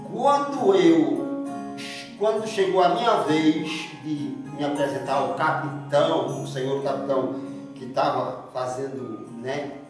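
A man in his seventies with a Northeastern Brazilian accent from Paraíba, earnestly recounting his life story in a rambling, emotional way. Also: mid-range voice. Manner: rambling, earnest, with frequent "né?" asides. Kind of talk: slow, emotional spoken memoir. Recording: echoey room, distant mic, guitar music. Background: guitar music.

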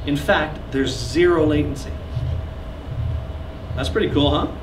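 With a fairly high pitch and a slightly slow pace, a man in his thirties runs a live recording workshop, explaining gear while gesturing and joking chattily with his audience. They sit in a small classroom. The sound comes from a camera at the back of the room, so it's echoey, distant, and noisy.

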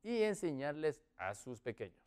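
A man with a Latin American Spanish accent teaching children English words, encouraging them and drawing out each word slowly for repetition. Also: a little high, clear, resonant tone. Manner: slow, drawn-out model pronunciation; lively, encouraging, repeats words.

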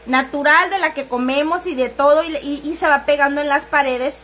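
A woman's voice: high-pitched, fairly even intonation, normal speed, fairly bright tone, slight background noise. A middle-aged woman, chatting crudely and casually while selling on a livestream and answering viewers' comments. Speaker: livestream seller.

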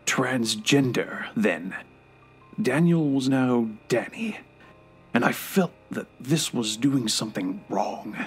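Playing a frail old grandfather full of bitterness and remorse, an actor speaks in a lowish voice for an audio drama. He sounds irritable and halting, at moments dropping to a hushed, breathy tone.

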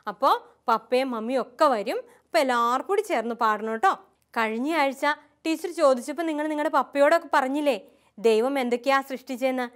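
A high, bright-toned woman, a nun with a Kerala Malayalam accent, teaching a children's catechism class. She speaks in a sweet, sing-song, coaxing way, pausing for the little ones to answer.

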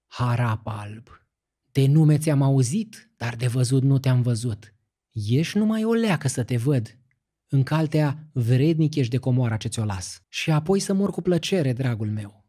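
Brief: a wailing, dying magic stag's head voiced by a man, very slow, husky, storybook. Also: mid-range voice, animated, dark tone. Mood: pleading. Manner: drawn-out, wailing pleas. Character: dying enchanted stag's head, pleading and sly.

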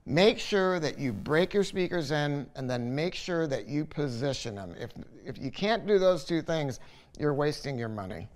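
At normal speed and in a slightly high, animated voice, an older man reviews a product on camera from his listening room at home. He keeps it informal and opinionated, leaning on repetition to stress his points.

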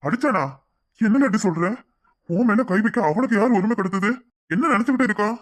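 In a lightly acted piece of cartoon voice acting, a performer with a mid-range voice speaks fairly quickly on a dry recording. With a Tirunelveli Tamil accent, he voices a scheming male lover who coaxingly sweet-talks for money.

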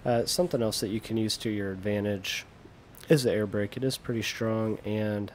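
Young american guy talking over his gameplay, lowish voice, laid back, faint rumble behind him. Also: moderate pace. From United States. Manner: relaxed, self-deprecating, trails off mid-sentence. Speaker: gaming video creator. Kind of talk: casual gameplay commentary.

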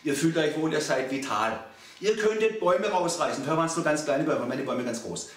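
A middle-aged man, a personal trainer, giving an energetic, emphatic motivational talk and repeating his key phrases. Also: on the high side, a little fast. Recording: very echoey room, mic far off.

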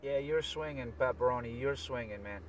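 Talking briskly in a medium-pitched voice, a CB radio operator chats casually, giving signal reports and often repeating himself. The CB transmission sounds distant and is very noisy.

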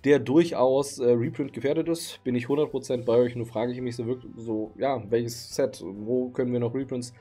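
Soft background music accompanies a man in his thirties talking casually to camera about the card market from his home streaming room. His warm, medium-pitched voice stays fairly even at normal speed with hardly any pauses, sounding tired at the late hour, and his easygoing chatter is full of fillers.

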